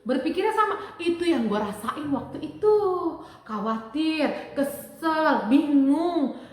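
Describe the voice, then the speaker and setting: A middle-aged Indonesian woman, giving relationship advice in a casual, animated vlog and acting out her husband's lines. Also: sits high, takes it slowly. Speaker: vlogger. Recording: very echoey room with faint music.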